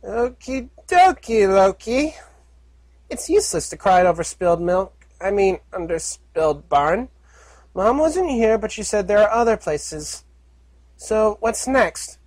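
A small, stubborn young pony filly cries out in a very high, strained voice. She shouts and pleads, with a husky edge, recorded dry and close. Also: lively intonation, unhurried, no echo. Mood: chirpy.

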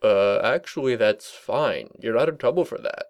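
A man's voice: mid-range voice, animated, normal speed, lightly acted. A man voicing a puzzled, matter-of-fact male pony guard captain.

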